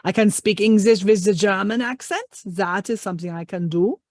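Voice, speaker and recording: A woman English language trainer runs an online workshop over a video call mic, upbeat and encouraging as she asks the group many questions. Her medium-pitched voice is animated, a little mellow and at normal speed, in studio-quality audio without echo.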